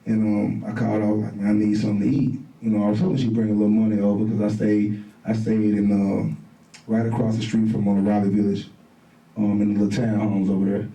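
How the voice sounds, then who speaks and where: A middle-aged man, a podcast guest telling stories casually and acting out quoted voices loudly. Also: lowish voice, quick pace. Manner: animated, acts out quotes in raised voice. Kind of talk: casual storytelling. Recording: roomy, distant mic.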